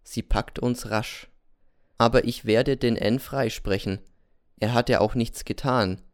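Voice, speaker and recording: Male audiobook narrator, resonant and clear, mid-pitched, introspective. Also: steady tone, dry recording, clean studio sound. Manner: measured, introspective first-person telling.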